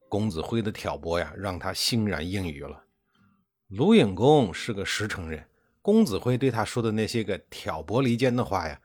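A male history storyteller with a low, husky voice that rises and falls expressively. He narrates in a chatty, colloquial way, stretching out the ends of his phrases. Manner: colloquial, chatty, with drawn-out particles.

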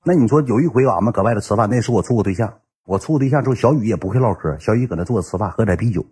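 A man's voice: on the low side, expressive, racing, darkish tone, husky. A man telling a story in a brash, casual way, swearing now and then.

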